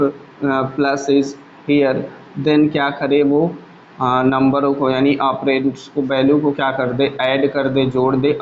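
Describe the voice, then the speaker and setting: Guy teaching a computer class, kinda high voice, echoey lo-fi room. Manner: explains step by step with everyday examples, asks the class questions. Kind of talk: classroom lecture. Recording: echoey room, dull lo-fi sound, faint hum.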